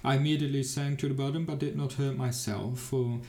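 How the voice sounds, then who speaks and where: A man reading aloud and voicing a cunning little peasant who spins a tall tale, sly and lively, in a roomy-sounding space. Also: medium pitch, fairly quick, natural voice.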